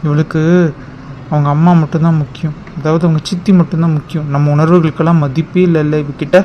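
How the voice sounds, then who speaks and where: An angry, betrayed young man scolds and reproaches in a fairly high voice, as a man voices him. He sounds like a character from a cartoon drama, and the recording is dull and lo-fi. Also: flat delivery, a little fast, a little hiss or hum, natural voice. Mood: reproachful.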